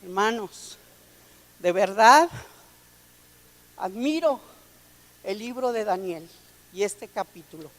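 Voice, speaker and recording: Female preacher, unhurried sermon with scripture reading, in a hall with a long reverb. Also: mid-range voice, lively intonation. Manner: reads scripture aloud, calls listeners brother and sister.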